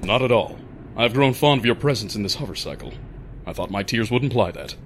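A man playing a big, stoic outlaw biker in an audio drama, speaking in formal, deliberate phrases with a tender streak underneath. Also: on the low side, expressive, a little hiss or hum, natural voice. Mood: stoic, quietly wounded. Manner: formal, stilted, deliberate phrasing without contractions.

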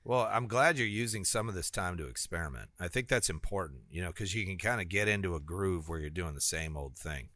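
A man with a deep, scratchy, smoker's rasp, chatting casually as a co-host. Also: animated, a little fast, hardly any pauses, bright, forceful tone, dry recording, studio quality. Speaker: podcast co-host, maker. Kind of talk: casual chat.

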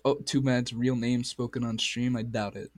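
A man with a strained, sore voice hosts a casual podcast chat, full of crude and excitable banter. His pitch sits in a plain middle range, and the sound is dry and close. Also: normal speed, no room sound. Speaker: podcast host.

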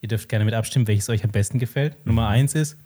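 Ein Mann moderiert einen lockeren Podcast, lacht oft und probiert Wortspiele aus. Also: male voice, medium pitch, fast talker, mellow. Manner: playful, laughs often, tries out puns. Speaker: podcast host. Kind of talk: casual podcast chat.

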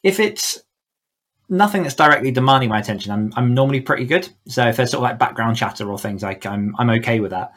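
Speaking quickly in a mid-range, fairly bright voice, a man shares his ideas reflectively during a relaxed podcast interview. He's there as a guest, working as an author coach.

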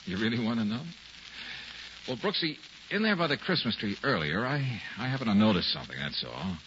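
A man playing a gentle, flirtatious American private detective in vintage radio drama. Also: on the low side, big pitch swings, fairly quick. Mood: tender, bashful. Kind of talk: 1940s-50s radio drama acting. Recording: noisy, muffled vintage radio recording.

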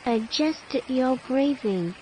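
Soft soothing spa lady doing guided relaxation, high voice, really slow, ambient noise behind. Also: lively intonation. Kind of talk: guided meditation narration. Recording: noisy ambient background sound.

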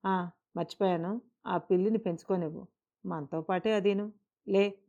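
Woman narrator doing a loving poor dad, soft and determined, warm and dark, muffled recording. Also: mid-range voice, fairly even intonation, normal speed, lightly acted. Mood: weary tender. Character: poor gentle middle-aged father, loving and weary. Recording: dull lo-fi recording.

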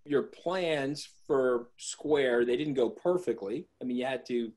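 A man's voice: mid-range voice, unhurried, a little mellow. A man hosting a casual interview, prompting his guest with questions in a conversational way. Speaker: interview host.

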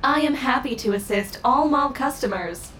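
A woman voicing a polite, programmed female mall AI assistant in an audio drama, speaking in a too-smooth, calm customer-service manner. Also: high-pitched, moderate pace, a little hiss or hum.

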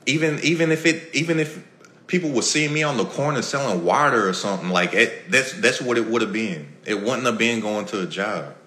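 A man's voice: mid-range voice, brisk, bright, forceful tone. A man hosts a motivational podcast, talking in a medium register. He preaches his points emphatically, repeats himself and acts out little everyday exchanges. The room gives his voice a noticeable echo. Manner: preachy, repetitive, emphatic, acting out everyday dialogue. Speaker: podcast host. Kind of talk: motivational talk to a live audience.

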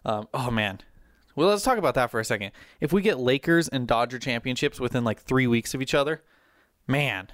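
Sports podcast host, man, mid-pitched and clean-toned, talks fast and keen like a hyped-up fan. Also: dry recording, clean studio sound. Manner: energetic, rambling, fan enthusiasm. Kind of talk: casual sports chat.

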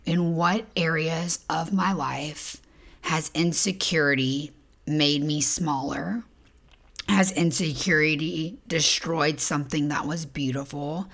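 Female podcast host, low raspy morning voice, intimate near-whisper delivery. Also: fairly even intonation, slow. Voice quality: husky morning voice. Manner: soft and intimate, often half-whispered. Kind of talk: reflective motivational monologue.

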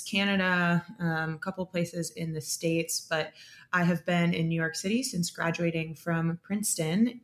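A woman in her twenties co-hosting a podcast, friendly and loose, laughing easily as she talks. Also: on the low side. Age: 20s. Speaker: podcast co-host. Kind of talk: casual podcast chat.

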